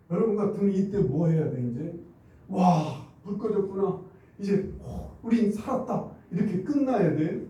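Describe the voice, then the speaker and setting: Korean pastor preaching in an echoey hall. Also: male voice, high voice, dark tone. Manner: storytelling, acting out the grumbling people in quoted voices. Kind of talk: sermon. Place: church sanctuary. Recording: very echoey church hall, mic at a distance.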